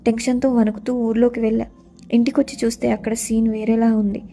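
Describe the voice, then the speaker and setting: A woman's voice: on the high side, little pitch movement, fast, warm tone, slight background noise. A young woman narrating her own story in the first person, earnest and sorrowful.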